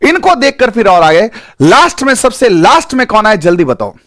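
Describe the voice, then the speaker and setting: A man teaching a live online exam-prep lesson. He is animated and coaxing, and repeats key points over and over to drill them in. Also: high-pitched, moderate pace, dry recording, studio quality.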